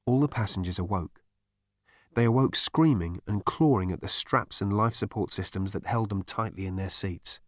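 A man's voice: on the low side, no room sound. Man narrating a story, dry sound. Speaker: audiobook narrator. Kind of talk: scripted narration.

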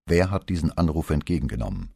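A man voicing a tense, hoarse middle-aged police inspector speaking curtly and urgently. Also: rumbling low, big pitch swings, fast talker, a little mellow, dry recording, clean studio sound, heavily acted. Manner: urgent, curt.

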